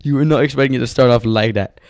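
Male podcast co-host. Blunt, slangy banter, mid-pitched, recorded close and dry. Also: fast talker, a little mellow, dry recording. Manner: slangy, blunt, repeats phrases for emphasis. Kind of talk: casual banter, reading out anonymous confessions. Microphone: close podcast microphone.

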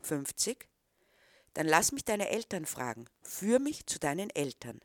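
A woman's voice: low voice, big pitch swings, a little slow, dry recording, studio quality, heavily acted. A woman reading the part of a disapproving middle-aged man who questions a boy. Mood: stern.

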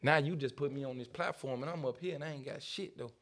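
A man's voice: mid-range voice, fast, a bit bright, slight background noise. A man, a rapper guest, chatting on a podcast in a rambling, slang-heavy way and repeating himself. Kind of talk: casual podcast chat.

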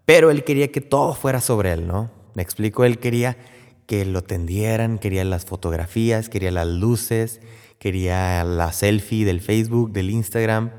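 Give me a man preaching conversationally, slightly low pitch, in a reverberant hall. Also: a little mellow. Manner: conversational, frequent tag questions. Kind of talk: Lenten sermon retelling a Bible story.

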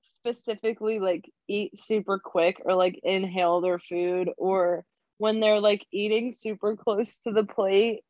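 A woman's voice: medium pitch, fairly even intonation, darkish tone, dry recording. A young woman co-hosts a laid-back podcast chat, laughing often and stretching out her phrases. Her voice sits in a middle range. The recording is dry and a bit dull, with a lo-fi edge. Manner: giggly, chatty, drawn-out phrasing. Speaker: podcast co-host. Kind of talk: casual chat.

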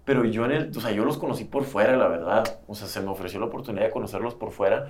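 A young man from Mexico with a northern Mexican accent, chatting casually as a podcast guest, relaxed and laughing easily. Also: lowish voice, fast talker, a little hiss or hum. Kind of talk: casual chat.

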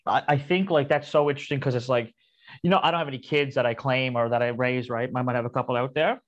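A man with a Cape Breton accent chats casually at a rapid clip. He is blunt and foul-mouthed, rambling from one story to the next. The sound is slightly dull and lo-fi. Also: mid-range voice, steady tone. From Cape Breton, Nova Scotia, Canada. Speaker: comedian guest. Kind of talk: casual chat.

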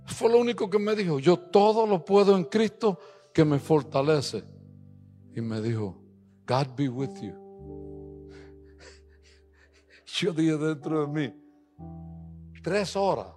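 Male preacher, slightly high voice, swings from quiet asides to shouted exhortation, soft music beneath. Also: animated, measured pace, pauses often. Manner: storytelling, swings from low asides to loud rising exhortation; mixes English phrases into his Spanish. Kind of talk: sermon.

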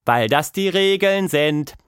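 A man's voice: on the high side, animated, slow, a bit bright, smooth, dry recording, studio quality, voice pushed up. A man voicing a patient, sensible young girl in a storybook, explaining the rules of a game. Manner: explaining rules, firm but friendly. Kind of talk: storybook audiobook voice.

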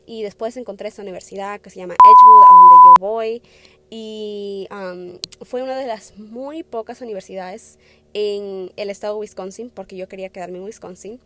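With wildly swooping pitch in a mid-range voice, a woman in her twenties hosts her podcast, chatting casually in Spanish at a moderate pace. She's hesitant, full of fillers and restarts, lets English words creep in, and there's background noise.

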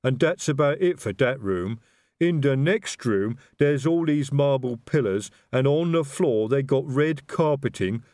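A man voicing a big, slow-witted male troll who explains things earnestly in plodding, ungrammatical speech. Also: mid-range voice, expressive, a little mellow, no room sound, clean studio sound, voice pushed up, close to an everyday voice.

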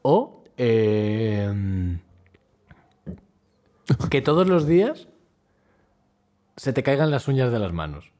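A man's voice: mid-range voice, sing-song, normal speed, long pauses, darkish tone. A young man from Spain co-hosting a podcast, playful and giggly, with a silly sense of humor. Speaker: podcast co-host. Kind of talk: casual chat.

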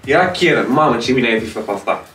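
A man telling a story in a casual podcast chat, in a lively, dramatic way. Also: medium pitch. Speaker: podcast guest. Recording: roomy echo, distant mic, faint music.

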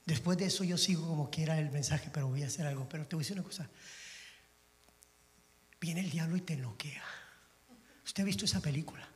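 A man preaching a sermon as an evangelist. He jokes with the congregation in soft, near-whispered asides, then builds to loud, fervent preaching. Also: a little high, racing, few pauses. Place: church hall with music playing. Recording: echoey hall with music behind.

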